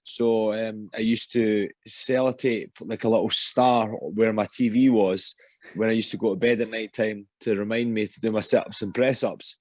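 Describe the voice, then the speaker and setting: A man's voice: lowish voice, steady tone, normal speed, no echo. A young Scottish man, an MMA fighter, answering interview questions casually and hesitantly, with many ums and restarts. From Scotland.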